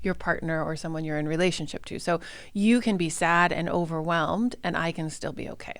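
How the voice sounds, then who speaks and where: A woman therapist talks in a relaxed podcast interview, her voice low with a gravelly edge. She tells stories in an easy way and laughs often. The sound is dry and close. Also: fairly quick, no room sound. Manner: warm storytelling, laughs often. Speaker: guest therapist.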